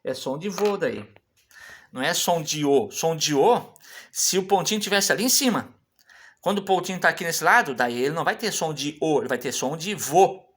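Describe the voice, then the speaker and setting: A Hebrew teacher giving an online lesson. The teacher walks through written examples, repeats sounds slowly and checks in with frequent tag questions. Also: mid-range voice, lively intonation, fairly bright tone, slightly rough.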